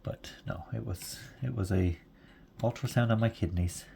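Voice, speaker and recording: A man in his forties talks on casually as he works through his knitting, rambling from one story to the next and chuckling along the way. His voice sits on the low side, with a faint hiss in the background. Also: normal speed, vocal fry, dark tone. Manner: chatty and rambling, with frequent chuckles. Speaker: knitting vlogger. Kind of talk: casual chat while knitting.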